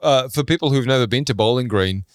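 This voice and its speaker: A man's voice: mid-range voice, fast talker, clear, resonant tone, dry recording, studio quality. A man co-hosting a podcast, interviewing in an informal, conversational and rambling way. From Ireland or Britain. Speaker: podcast co-host.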